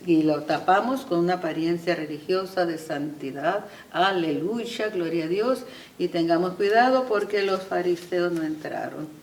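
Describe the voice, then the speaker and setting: A woman preaching a sermon with passion, swelling to loud emphatic peaks and slipping English phrases into her talk. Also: fairly low pitch, normal speed, slight background noise. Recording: echoey room, voice from far off.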